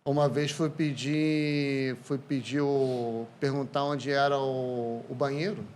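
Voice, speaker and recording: A Brazilian man, a podcast guest, telling lively anecdotes in casual conversation. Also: medium pitch, slow pace, a little hiss or hum. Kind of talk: casual storytelling.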